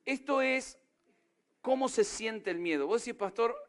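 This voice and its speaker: With a very high voice and a slightly slow delivery, a pastor preaches in an Argentine Spanish accent. His sermon is emphatic and studded with rhetorical questions to the crowd.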